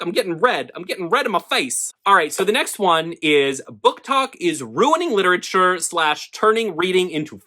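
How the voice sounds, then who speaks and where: Sassy, animated young man ranting. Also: high voice. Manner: sassy, animated, talks fast with lots of "like" and rhetorical questions. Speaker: book vlogger. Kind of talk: opinionated casual vlog rant.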